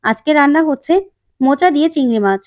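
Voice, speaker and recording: A woman reading a bold, sharp-tongued young daughter-in-law, retorting and teasing. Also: high-pitched, expressive, quick pace.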